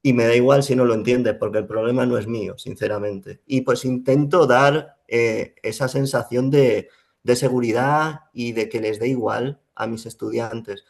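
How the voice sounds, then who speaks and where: A young man talks it over in an interview. His gravelly voice sits at a middle pitch. He thinks aloud and often restarts his sentences. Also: steady tone, normal speed, a little mellow. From Spain. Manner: reflective, many fillers and restarts. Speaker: Spanish teacher, guest. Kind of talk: casual interview talk.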